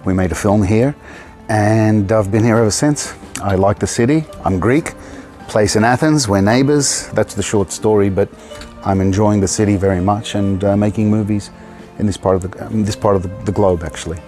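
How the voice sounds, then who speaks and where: A man in his fifties from Australia, an actor telling stories in a relaxed outdoor interview with a lapel mic. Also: fairly low pitch, moderate pace, faint music behind. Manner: relaxed storytelling, laughs often. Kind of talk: casual interview. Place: outdoor garden.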